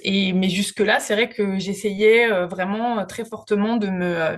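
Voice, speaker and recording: A woman novelist answering interview questions casually, with lively phrasing and frequent fillers. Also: medium pitch. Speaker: novelist guest.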